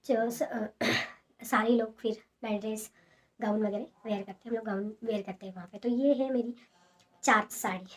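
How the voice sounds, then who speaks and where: A young woman talking softly and casually at home, showing sarees in a haul video with many fillers. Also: a little high, steady tone, normal speed. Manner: soft, hushed talk with many fillers. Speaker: fashion vlogger showing sarees. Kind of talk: casual product haul chat.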